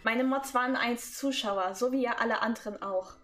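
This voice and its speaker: A woman's voice: fairly high pitch, normal speed, loud music behind the voice. A woman chatting casually to her livestream viewers in a teasing manner. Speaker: livestreamer, VTuber.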